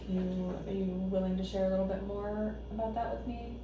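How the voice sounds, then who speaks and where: A woman playing a calm, supportive family therapist who asks gentle, probing questions in a role-play session. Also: mid-range voice, brisk, lo-fi sound, close to an everyday voice. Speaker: therapist on a home visit. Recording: echoey room, distant mic, noisy background.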